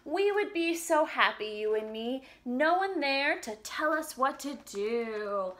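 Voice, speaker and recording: With an upright piano in the room, a young adult woman at home teaches small children by reading a picture book aloud expressively, asking simple questions and exaggerating her emphasis. Her high voice is animated and fairly bright, and her pace is slow.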